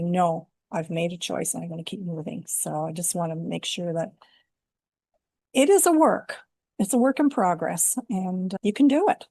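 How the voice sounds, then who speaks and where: A woman's voice: lowish voice, vocal fry, a little mellow, dry recording, studio quality. An older woman from Canada, a life coach, telling her personal story earnestly and reflectively in an interview. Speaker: guest, women's life coach.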